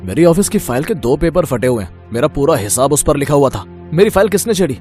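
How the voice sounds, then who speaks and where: A man's voice: on the high side, expressive, fast, darkish tone, soft background music, close to an everyday voice. A man voicing an annoyed young husband in a cartoon, irritated and demanding. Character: annoyed young husband calling from another room. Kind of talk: cartoon voice acting.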